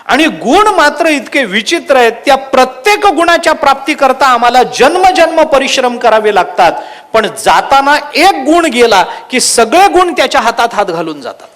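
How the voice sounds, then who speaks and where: A male preacher giving a storytelling sermon, speaking in an animated and emphatic way. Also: extremely high pitch, normal speed. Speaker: kirtan preacher. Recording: long hall reverb.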